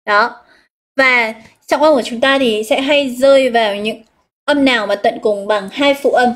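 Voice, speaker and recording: A woman with a Northern Vietnamese accent leads a live English exam review, her voice a little higher than most. She explains each answer step by step, stretches out the key words and calls out what her students chose. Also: moderate pace. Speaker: English teacher.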